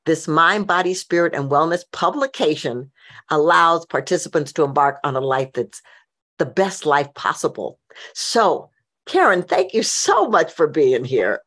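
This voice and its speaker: A woman's voice: low voice, very animated, unhurried, a bit bright. A woman hosting a podcast interview, introducing her guest with upbeat enthusiasm. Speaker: host.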